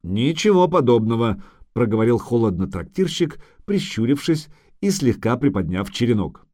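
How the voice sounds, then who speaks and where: Male audiobook reader; lively, animated storytelling with a dry, close sound. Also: medium pitch, moderate pace, no echo. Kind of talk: audiobook narration with character voices.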